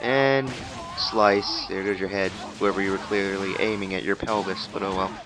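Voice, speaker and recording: A young man giving goofy let's play commentary, with sudden loud exclamations while he fights. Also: low voice, fairly even intonation, normal speed. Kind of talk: gameplay commentary. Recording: game music loud under the voice.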